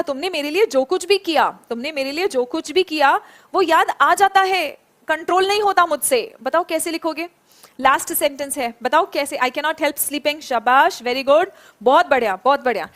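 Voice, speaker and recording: A woman teaching an online spoken English class, saying example sentences slowly and praising her students by name. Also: high voice, lively intonation, a bit bright.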